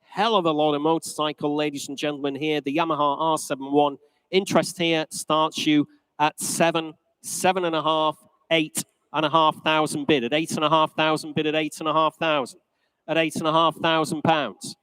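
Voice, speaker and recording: A man's voice: fairly high pitch, level tone, normal speed, a bit bright, clean tone, no room sound, low-quality recording. A man working as an auctioneer, calling bids live in a polished, courteous, repetitive patter.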